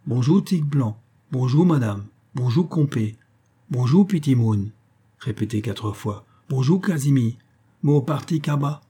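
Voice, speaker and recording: A man's voice: mid-range voice, measured pace, breathy edge. A man voicing a grateful, cheerful male forest guide who speaks broken pidgin in an audiobook. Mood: joyful. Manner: pidgin speech, eager and excited.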